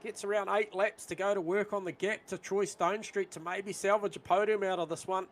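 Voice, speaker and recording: A man doing live sim racing commentary, calling out lap times and battles on track, rising in excitement at overtakes. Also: high-pitched, brisk, slight background noise.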